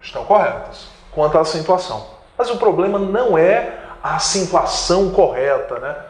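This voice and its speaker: Animated and high-pitched, this man talks at a moderate pace in an echoey room with a little hiss or hum. Teaching online grammar for exam prep in a Brazilian accent, he speaks emphatically, stretches key words, and asks then answers his own questions.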